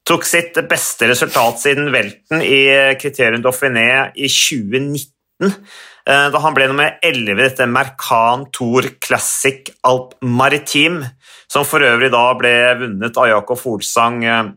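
A man's voice: mid-range voice, steady tone, pushed and bright. A man hosting a cycling podcast, talking casually and hesitantly with many fillers as he works through his notes. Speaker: podcast host.

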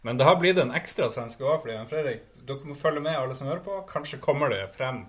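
Male co-host with mid-pitched voice. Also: lively intonation, a bit bright. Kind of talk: casual chat.

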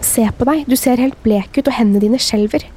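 A woman reading the lines of a calm, mocking young male hitchhiker in a horror story. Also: a little high, close to an everyday voice. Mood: taunting.

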